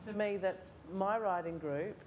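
Her voice is medium in pitch, darkish and unhurried, captured in lo-fi sound with a little background noise. She is a writing lecturer in her forties with an Australian accent and a first language of Mauritian Creole or Italian, seated on stage in a large hall and telling frank, self-deprecating stories during a festival panel discussion.

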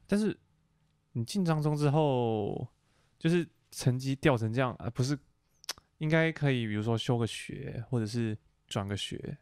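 A man's voice: medium pitch, animated, normal speed, a little mellow, smooth, dry recording, clean studio sound. Teasing young man, podcast host. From Taiwan. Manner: teasing, blunt questions. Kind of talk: casual interview chat.

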